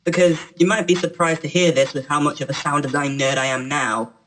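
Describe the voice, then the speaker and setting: A man's voice: on the high side, steady tone, a little fast, a bit bright, a little hiss or hum, low-quality recording. A man voicing a little male mascot presenter through a voice changer, talking in a chatty, rambling way. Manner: chatty, rambling, self-correcting. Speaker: channel presenter. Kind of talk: casual talk to camera.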